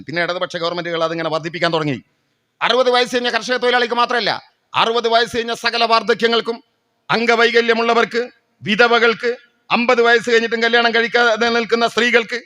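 A man's voice: sits high, pushed and bright. A middle-aged man from Kerala giving a public political speech into a stage microphone. He asks rhetorical questions, answers them himself, and breaks off into stories. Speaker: political speaker.

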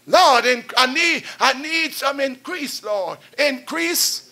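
An older man preaching at a church pulpit, chanting and shouting in a sing-song call-and-response style. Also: very high voice, animated, slow, vocal fry. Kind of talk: chanted Pentecostal sermon. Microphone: pulpit stand mic.

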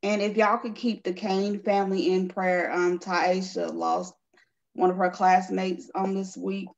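A woman's voice: mid-range voice, flat delivery, a little slow, vocal fry. A woman giving a hesitant, impromptu testimony to her church over a video call from home. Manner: soft, hesitant, many ums. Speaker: church member. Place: home, indoors. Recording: dull lo-fi video call audio.

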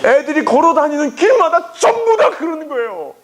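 A pastor lecturing parents in an animated, emphatic way, acting out voices as he speaks to a live audience. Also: extremely high pitch, fairly quick, noisy background. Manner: emphatic, acts out quoted voices, often says "막".

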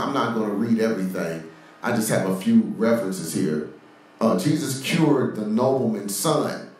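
A man's voice: on the low side, darkish tone, far from the mic. A man preaching a sermon-style podcast, reading scripture and breaking off into sarcastic, mocking asides. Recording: very echoey room, voice off-mic.

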